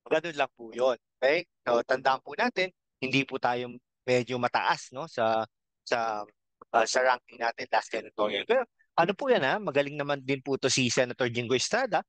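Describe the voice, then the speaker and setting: A middle-aged man with a Filipino accent hosting a casual political commentary vlog, talking slowly and haltingly with many fillers and a constant tag "no?". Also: mid-range voice, expressive, fairly bright tone, no room sound, low-quality recording. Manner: rambling, frequent tag question "no?"; slow, halting with fillers and throat clearing. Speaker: channel host.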